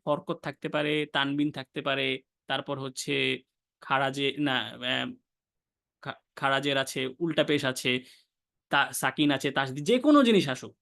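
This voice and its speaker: High-voiced man teaching Quran recitation. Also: a bit bright. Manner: explains step by step, asks and answers his own questions; chants the Arabic examples slowly. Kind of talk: online tajweed lesson.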